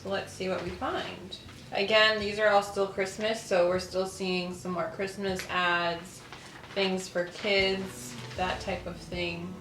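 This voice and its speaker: A woman speaks slowly, with a mid-range voice and little pitch movement, as she hosts a casual lifestyle video, chatting and reading from an old newspaper. There's background noise, a roomy echo, and faint music beneath her.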